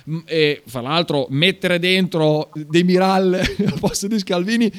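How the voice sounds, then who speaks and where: A high-voiced male radio host, chatting about football in a jokey, laughing way. He reads team lineups off in quick runs. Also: clean tone. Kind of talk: casual sports radio chat. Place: small radio studio.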